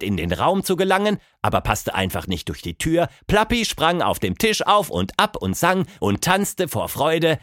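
Expressive male storybook narrator. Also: medium pitch, no echo, clean studio sound. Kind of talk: children's audiobook narration.

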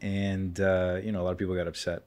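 A young man with a very deep, low voice talks through a casual podcast conversation. He rambles, leans on fillers, and drops profane jokes. The talk sounds loose and unscripted. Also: monotone, quick pace, darkish tone. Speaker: podcast host. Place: indoor room, in person.

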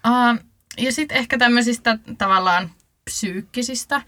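A young woman telling animated stories in a casual group chat among friends. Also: a little high, no room sound. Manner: animated storyteller, quick laughs.

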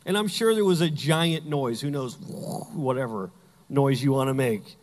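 A man's voice: mid-range voice, normal speed, long reverb tail. A man preaching a sermon as pastor, telling Bible stories with humor and acting out the characters.

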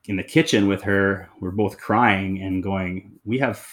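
A man's voice: low voice, fairly even intonation, a little slow, a bit bright. A man in his thirties, an interview guest telling his personal story in a candid, reflective, loose conversational way.

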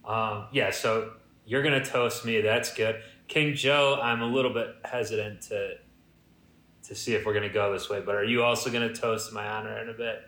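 A man's voice: on the low side, fairly even intonation, normal speed, sharp tone, roomy sound. A man co-hosting a comedy podcast in casual improvised chat, with a jokey mock-regal manner. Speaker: podcast co-host.

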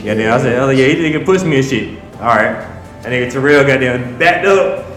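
A man's voice: medium pitch, echoey room, over music. A man telling a club story in casual podcast chat, loose and full of swearing. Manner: fast, loose, swears a lot.

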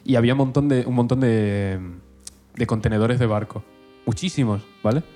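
A man's voice: mid-range voice, warm tone, faint music behind. A man, co-hosting a casual chat podcast, joking and chipping in. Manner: joking, quick interjections. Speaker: podcast co-host.

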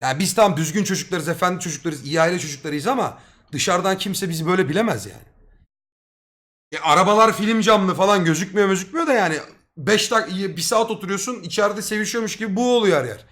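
Young man telling a story, slightly high voice. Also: quick pace. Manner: slangy, swears freely, excitable. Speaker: streamer. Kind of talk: casual storytelling to a live chat.

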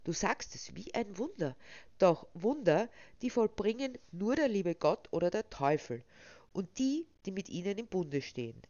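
A woman's voice: mid-range voice, sing-song, unhurried, a little mellow, no echo. A woman reading aloud, voicing a crowd of menacing village voices that press their warnings insistently. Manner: insistent, rising, hissing warnings. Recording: slightly dull, dry sound.

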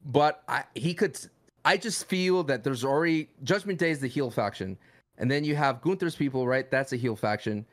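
A man co-hosting a wrestling podcast in casual, animated chat, often restarting his sentences. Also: medium pitch, moderate pace. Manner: animated, jumps into mock voices and restarts. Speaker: podcast co-host.

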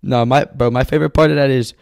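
Male podcast co-host. Blunt, slangy banter, mid-pitched, recorded close and dry. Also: steady tone, fast talker, gravelly, darkish tone, no echo. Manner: slangy, blunt, repeats phrases for emphasis. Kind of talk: casual banter, reading out anonymous confessions. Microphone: close podcast microphone.

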